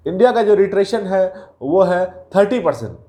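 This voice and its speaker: High-voiced man explaining casually. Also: sing-song, moderate pace, warm tone. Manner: chatty, addresses viewers as guys, mixes in English terms. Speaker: career video host. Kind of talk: casual explainer talk to viewers.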